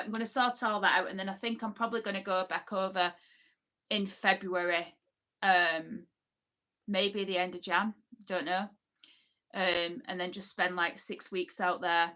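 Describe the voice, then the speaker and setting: An English woman from Oldham, in northern England, hosts a casual livestream, reading out comments and chatting. Her voice is medium-pitched with a sharp tone at a normal speed, and she rambles along with lots of ums and asides.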